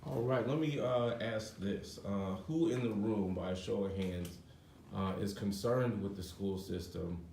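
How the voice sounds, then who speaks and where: A man with a rather low voice and some vocal fry speaks a little slowly as he hosts a community event, presenting community news. He keeps it informal and slangy, joking with the room. The recording has an echoey room sound, a distant mic and faint noise.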